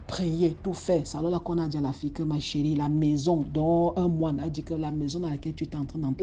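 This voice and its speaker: Une femme à l'camerounais qui raconte une histoire mystique sur un ton familier, avec beaucoup de répétitions et de reprises. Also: female voice, low-pitched, slight background noise. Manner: animated, many restarts and repetitions. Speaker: storyteller. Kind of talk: casual spoken storytelling.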